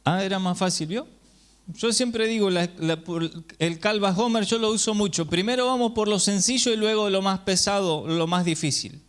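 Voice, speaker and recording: At a congregation gathering, a man with a high-pitched, smooth voice preaches at a normal speed. He teaches patiently, checking in with his listeners through rhetorical questions.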